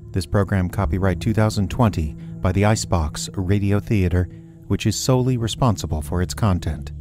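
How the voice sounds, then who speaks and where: A man reading credits in a plain, matter-of-fact way. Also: on the low side. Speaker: announcer. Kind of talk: read credits.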